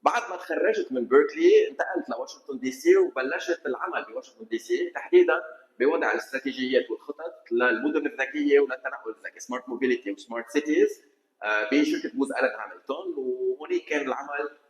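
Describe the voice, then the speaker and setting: Guest: middle-aged man, Lebanese accent, mid-pitched, rapid and detailed, roomy mic sound. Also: sing-song, highs cut off. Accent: Lebanese Arabic. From Lebanon, Kesrouan. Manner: fast, detailed, eager explaining. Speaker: podcast guest, engineer. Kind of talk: casual interview conversation. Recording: roomy studio echo.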